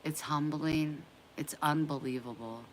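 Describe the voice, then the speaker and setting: A woman's voice: sits low, steady tone, a little slow, slight background noise, low-quality recording. A woman vlogging at home, rambling candidly and confiding in her viewers. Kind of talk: casual chat to camera.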